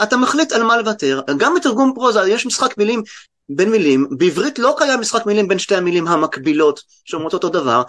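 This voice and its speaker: A man with an Israeli accent explaining things conversationally as an interview guest, halting and often restarting mid-word. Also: sits high, a bit bright. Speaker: guest translator and poet.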